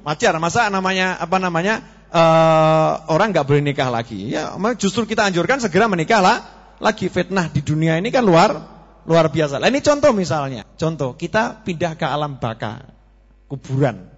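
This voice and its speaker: A preacher with a Javanese accent delivers a joking sermon, often asking his listeners questions and mixing Javanese into his Indonesian. His man's voice sits on the high side. The recording is dull and lo-fi, with a long echo. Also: expressive, normal speed. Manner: joking, asks the audience questions. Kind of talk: sermon to a live congregation. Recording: reverberant, dull lo-fi hall recording.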